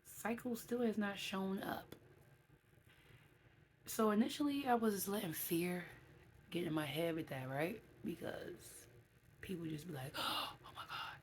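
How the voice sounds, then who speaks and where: A woman's voice: medium pitch, unhurried, pauses often, darkish tone, slight background noise. A woman in her late thirties giving a casual vlog update, chatty and reading from her own notes with asides. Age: 30s. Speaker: vlogger.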